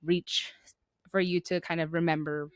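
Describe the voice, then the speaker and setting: Young american woman podcast host, kinda low voice, thinking out loud, pretty dry sound. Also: flat delivery, moderate pace, no room sound. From Flagstaff, Arizona, United States. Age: young adult. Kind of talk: casual reflective chat.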